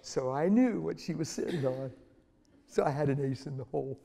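A man preaching at a church conference, telling a story in an animated way that swings from hushed tones to near-shouting. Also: a little high, normal speed, gravelly, long reverb tail, slight background noise.

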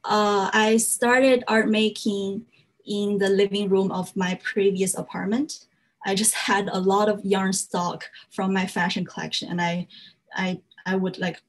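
A young woman from China, speaking English as a second language, gives an earnest slide talk about her work as a fiber artist, with frequent "uh" fillers. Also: mid-range voice. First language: Chinese. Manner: earnest, frequent "uh" fillers, slightly non-native grammar.

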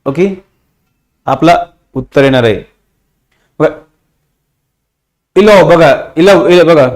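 Here a Marathi-accented male teacher takes his time, his fairly high voice carrying a darkish tone. In this exam-prep vocabulary lecture he repeats meanings over and over and quizzes his students.

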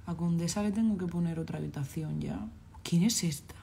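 Valencian woman streamer, low mellow gravelly voice, chatty and exclaiming as she plays. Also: brisk, a little hiss or hum. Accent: Valencian Spanish. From Valencia, Spain. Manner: chatty, exclaiming, scolding the game characters. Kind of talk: casual live-stream chat while playing a game.

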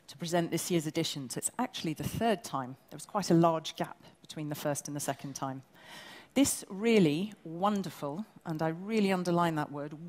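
A woman from England presenting an awards ceremony on stage, brisk, bossy and joking with the audience. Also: deep voice. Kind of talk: live stage hosting. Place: large event hall. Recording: long hall reverb.

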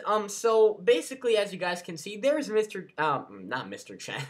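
A man hosting his own fan video channel, talking casually and rambling with lots of fillers and restarts. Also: sits high. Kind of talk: casual fan vlog talk.

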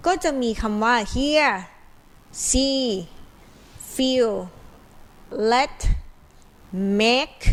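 A woman's voice: fairly high pitch, a bit bright. A woman from Thailand explaining English grammar in a patient, step-by-step way, calling herself an older sister to her students. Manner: patient and explanatory, sings a tune as a memory aid. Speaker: English tutor. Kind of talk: Thai grammar lesson.

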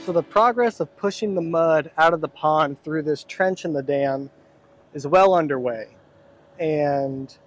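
A man's voice: a little high, a little mellow, rough recording. A young man from Oklahoma explaining a pond renovation on site, earnest and explanatory, sometimes repeating words as he thinks. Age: young adult. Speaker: pond builder. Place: outdoor construction site by a pond, heavy machinery nearby. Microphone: handheld phone camera at arm's length. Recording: outdoor recording with clear machinery noise.

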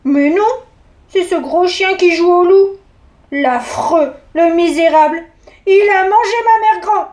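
A woman voicing an excitable young girl in a read-aloud storybook, shrill and quick to exclaim. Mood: chirpy.

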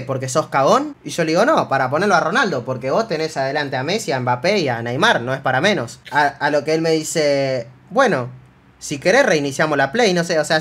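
A man's voice: fairly high pitch, fairly bright tone. A man with a Rioplatense Spanish accent telling a long, rambling story in casual chat, repeating himself and acting out dialogue and play-by-play. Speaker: streamer telling an anecdote.

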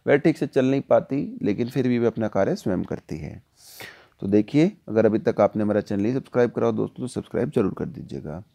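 A man teaching a class of children, walking them through the exercise step by step. His voice is dark and gravelly, and he often stops to ask the kids questions. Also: on the low side, lively intonation. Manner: explains slowly, often asks the class questions. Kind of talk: online worksheet lesson for children.

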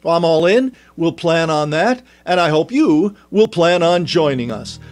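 A man's voice: fairly high pitch, lively intonation, a little slow. A man hosting a music discussion show with a polished announcer delivery. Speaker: host. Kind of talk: radio-style hosted discussion.

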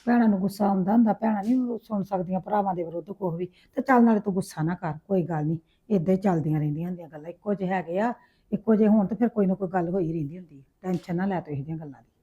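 A woman's voice: lowish voice, racing, slightly rough. A middle-aged woman playing a worried widowed mother who soothes her grown daughters. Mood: soothing. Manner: soothing, fretful. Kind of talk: web drama acting. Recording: tinny phone-like sound.

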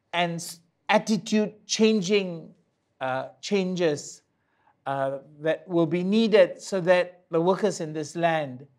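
An older bishop, preaching a sermon at a lectern in a slow, deliberate way, with pauses and fillers. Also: male voice, sits high. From Singapore. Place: studio stage with curtains, standing at a lectern.

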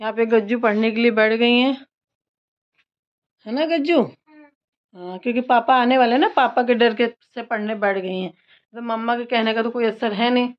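A woman in her thirties chatting casually to viewers as she walks through her home chores and evening routine. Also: a little high. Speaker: vlogger and mother. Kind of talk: casual home vlog narration. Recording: slightly dull lo-fi phone audio.

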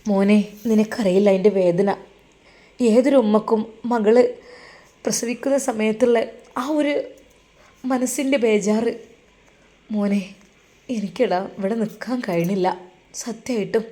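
A woman voicing an older mother who speaks softly and pleads near tears, longing for her daughter. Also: mid-range voice, measured pace, pauses often, close to an everyday voice. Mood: tearful pleading.

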